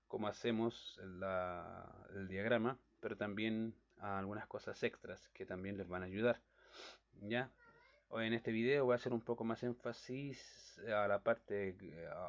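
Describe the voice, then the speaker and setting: A man teaching a recorded lesson on diagramming Bible verses, explaining step by step and checking in with his listeners often. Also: fairly low pitch. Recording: dull lo-fi recording.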